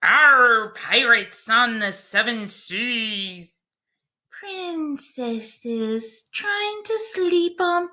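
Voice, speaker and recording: With a bright voice on the high side, a lively teacher reads a picture book to children. Her delivery is deliberate and full of expression, and she poses questions straight to the young audience.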